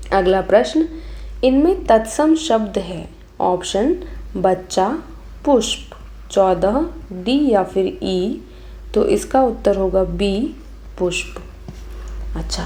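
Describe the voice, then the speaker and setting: Woman teacher, measured exam walkthrough, warm low timbre. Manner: reads each option then gives the answer.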